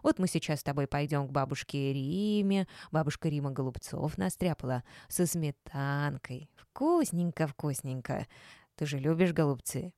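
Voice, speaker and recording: Lady doing a strict old granny in an audiobook, lowish warm voice, scolds then coos, dry sound. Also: normal speed, dry recording. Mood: cooing. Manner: stern scolding, softening to cooing. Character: older grandmotherly woman, stern but doting. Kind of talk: audiobook character voice.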